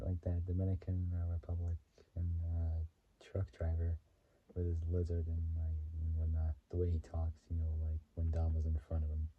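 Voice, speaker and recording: Deep husky young man, rambling vlogger. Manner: rambling with frequent fillers, laughs and throat clearing. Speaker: YouTuber. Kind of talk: casual vlog movie explanation. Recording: dull lo-fi sound.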